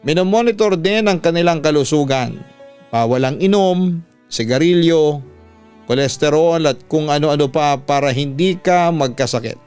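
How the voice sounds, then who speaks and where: A Filipino man with a fairly high, smooth voice reads out a listener's letter on the radio, telling the story in the first person from a script. He speaks conversationally, blending Tagalog with English, and background music accompanies him.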